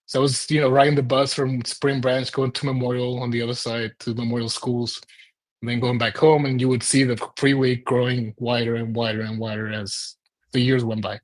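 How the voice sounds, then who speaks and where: A man in his thirties, originally from Mexico and raised in Houston after moving there as a child, tells his own story as an urban planner guesting in an interview. He speaks at a middle pitch, a little fast, with a flat, informal, rambling delivery and frequent rhetorical questions to himself. The recording quality is low.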